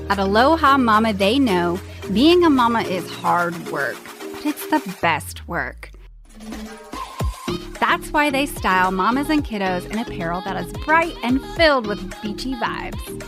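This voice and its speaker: A woman's voice: mid-range voice, sing-song, a little slow, over music. A woman hosting a pet podcast who chats with her guest and also reads a sponsor ad. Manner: warm listener, reacts with short interjections. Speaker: podcast host. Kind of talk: casual interview and ad read.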